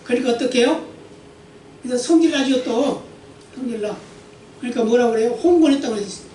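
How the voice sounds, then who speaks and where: Preaching a Sunday sermon in a church sanctuary, a pastor with a very high-pitched, mellow voice reads scripture aloud at a quick pace and explains it through rhetorical questions to his congregation. He's recorded from a distance in an echoey hall, with slight background noise.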